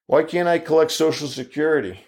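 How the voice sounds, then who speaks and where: A man's voice: fairly high pitch, brisk, a little mellow. Man, 50s, opinion monologue. Argumentative, hammers rhetorical questions, voice leaps up on each challenge.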